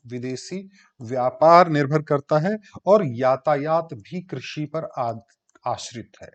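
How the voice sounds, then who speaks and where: A man giving a classroom lecture, explaining step by step and answering his own questions. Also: a little high. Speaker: teacher. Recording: dull lo-fi recording.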